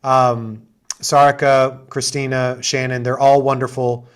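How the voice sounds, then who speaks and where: Over a video call, a middle-aged assistant dean hosts an info session, describing programs with chatty enthusiasm and plenty of asides and fillers. His mid-range voice stays level and unhurried, with a clean tone.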